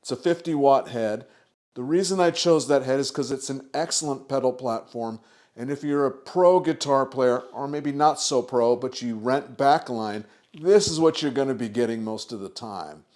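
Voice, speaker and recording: A man's voice: medium pitch, normal speed. A man demoing guitar pedals to camera, telling a casual story and acting out the voices of the people in it. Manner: animated storyteller acting out quotes. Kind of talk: casual storytelling and gear demo.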